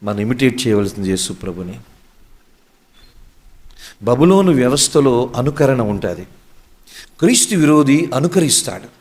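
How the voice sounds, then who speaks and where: Man, pastor, sermon, rhetorical questions, English phrases mixed in, pitch swings widely. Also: very animated, moderate pace, pauses often, darkish tone.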